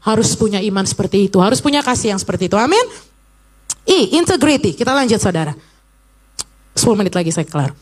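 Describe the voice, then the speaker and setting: A young woman preaching a lively sermon to a church congregation, asking the crowd questions and acting out quoted voices. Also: mid-range voice, fast talker, pauses often. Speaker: evangelist preacher.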